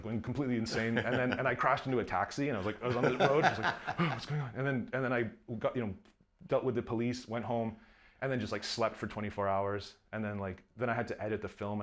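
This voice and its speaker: A Canadian man in his thirties, a film director, chats in a casual interview, rambling along with plenty of fillers and restarts. His voice sits fairly low and has a slightly bright quality.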